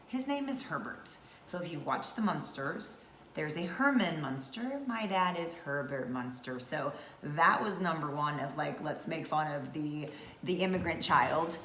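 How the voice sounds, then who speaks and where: A woman's voice: deep voice, lively intonation, a little slow, sharp tone. A woman in her thirties from North Georgia, chatting casually to camera as a vlogger with many fillers. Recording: echoey room with faint noise.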